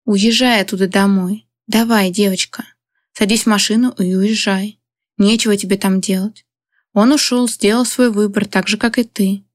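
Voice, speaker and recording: A woman's voice: medium pitch, steady tone, normal speed, dry recording, studio quality, lightly acted. A woman reading the part of a weary, guarded older father, speaking in a muted way.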